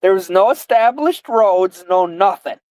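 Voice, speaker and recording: A woman's voice: medium pitch, animated, a little slow, darkish tone, no echo. A woman in her twenties hosting a casual live guessing game, with slurred, lisping speech from a mouth guard. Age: 20s. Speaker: live stream host.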